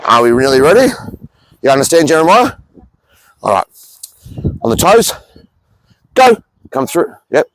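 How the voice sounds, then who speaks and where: A man coaching players through football drills outdoors, mixing brisk clipped commands with calm explanations. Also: mid-range voice, poor audio. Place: outdoor sports field on a windy day. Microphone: camera mic on the field. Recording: wind and outdoor noise on camera mic.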